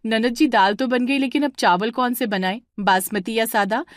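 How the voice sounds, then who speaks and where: A woman's voice: fairly high pitch, moderate pace, dry recording, clean studio sound, natural voice. A woman playing a sly young daughter-in-law who sounds sweetly over-polite on the phone. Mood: sugary.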